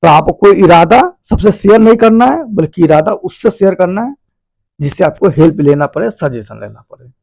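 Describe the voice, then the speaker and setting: A man with a high-pitched voice and a gravelly edge talks through a self-help book like an explainer video. He speaks in a loose, chatty way, repeats his points and calls his listeners "bhai". The sound is close and dry. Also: expressive, normal speed, darkish tone, no room sound. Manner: conversational and repetitive, addresses listeners as "bhai". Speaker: video host.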